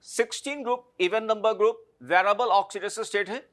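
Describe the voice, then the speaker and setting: A man with a high, slightly bright voice gives a brisk classroom chemistry lecture. He explains step by step and checks understanding with short tag questions.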